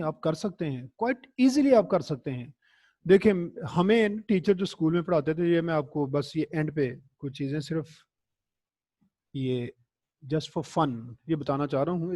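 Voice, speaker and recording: Middle-aged male lecturer; warm, relaxed tone, encouraging and anecdotal. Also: fairly high pitch, dry recording. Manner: conversational and encouraging, tells anecdotes. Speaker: teacher. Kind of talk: recorded classroom lecture.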